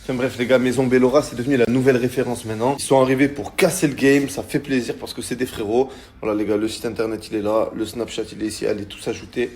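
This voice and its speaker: A man's voice: medium pitch, little pitch movement, fast, darkish tone, slight background noise. A man reading a sponsor promotion in a hyped, slangy way, talking straight to his viewers. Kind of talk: promotional ad read.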